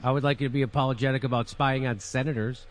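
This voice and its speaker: A man giving sarcastic commentary in a played clip, mocking his target with rapid lists. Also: mid-range voice, fairly even intonation.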